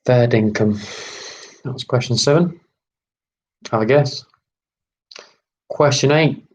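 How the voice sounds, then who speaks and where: A man hosts a live online quiz at a leisurely pace. He reads every question deliberately and repeats each term several times. His voice sits at an ordinary middle pitch. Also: a little mellow, poor audio. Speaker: quiz host.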